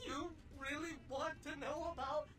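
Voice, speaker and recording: A woman voicing a tiny, neurotic robot obsessed with coffee cups, swinging between whispers and shouts. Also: high voice, animated, slow, background noise. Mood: manic lonely. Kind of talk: video game voice acting. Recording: game audio from far off with loud music.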